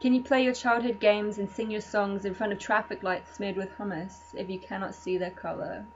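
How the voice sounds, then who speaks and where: A woman performing her own spoken word poetry in a measured, deadpan delivery. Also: medium pitch. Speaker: poet. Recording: muffled lo-fi recording with faint hum.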